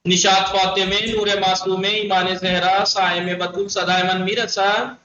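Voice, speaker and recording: A high-pitched man leads an online class, calling students by name and coaxing them to speak. His voice is lo-fi and roomy, picked up from some distance. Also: little pitch movement, sharp tone, a little hiss or hum. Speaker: teacher.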